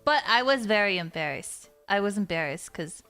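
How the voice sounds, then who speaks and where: A young woman streamer telling a story animatedly, laughing and swinging between hushed whispers and squeals. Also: medium pitch, lively intonation, normal speed, clear, resonant tone, faint music behind. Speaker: vtuber streamer.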